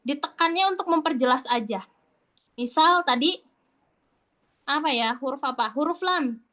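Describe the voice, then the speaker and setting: A woman's voice: high-pitched, moderate pace, bright, forceful tone. A woman teaching Quran recitation in an online class, explaining patiently in a casual, chatty way and sounding out letters as examples. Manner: patient, demonstrates sounds aloud.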